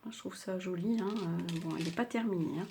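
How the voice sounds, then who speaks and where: An older woman walks viewers through a craft project in a low, soft voice, a little worn by a sore throat. She chats along casually, full of little fillers and restarts. A faint hiss sits behind her. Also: a little fast. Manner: chatty, hesitant, many fillers. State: slightly sore throat, speaking softly. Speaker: craft tutorial host.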